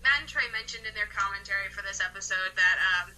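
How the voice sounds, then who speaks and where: A woman's voice: mid-range voice, quick pace, pushed and bright, slight background noise, rough recording. A woman hosting a podcast in casual fan chat. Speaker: podcast host.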